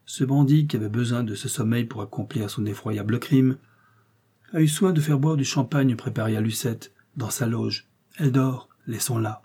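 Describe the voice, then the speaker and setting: A man's voice: mid-range voice, normal speed, mellow, husky. A man voicing a grave male police detective who speaks in firm, clipped orders, in an audiobook reading. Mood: calming. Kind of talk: audiobook character voice.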